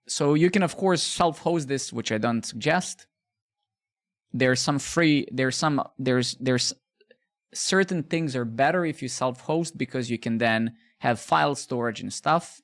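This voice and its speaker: A man with a gravelly edge and a mid-range pitch, from Bosnia, live-streams a coding session for his viewers. Chatty and relaxed, he thinks aloud, restarts phrases and answers their questions.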